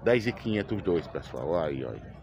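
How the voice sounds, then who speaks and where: A middle-aged vlogger visiting a cattle fair walks through outdoor livestock pens, chatting casually and pointing things out to viewers in on-the-spot commentary. His deep, gravelly, darkish voice is quick and sing-song, with the highs cut off. Busy crowd chatter fills the background.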